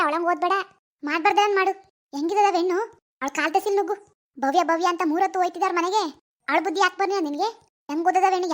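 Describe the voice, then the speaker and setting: Woman doing a shrill furious village mother. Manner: shrill, rapid scolding with insults. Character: furious village mother scolding her teenage daughter.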